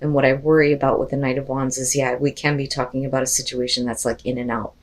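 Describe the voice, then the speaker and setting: A woman, slightly hoarse from losing her voice, doing a casual tarot card reading, chatty and full of "you know" and "like" fillers. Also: rumbling low, flat delivery, quick pace. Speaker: tarot reader.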